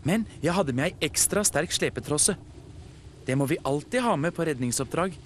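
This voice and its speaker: A man voicing a calm, sensible female rescue tugboat who patiently explains safety rules. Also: on the high side, a little hiss or hum, pitched above the performer's own voice, natural voice. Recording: music playing behind.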